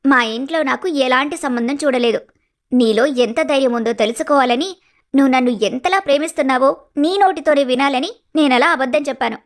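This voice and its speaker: A woman voicing a clever, playful young woman in love who talks in a teasing, lively way. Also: high-pitched, fairly quick. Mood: teasing, tender. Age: young adult.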